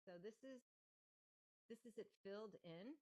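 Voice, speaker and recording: A woman's voice: medium pitch, moderate pace, dark tone, no echo, studio quality. A woman teaching an online frame drum workshop, chanting rhythm syllables and checking in with the class. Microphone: online workshop microphone.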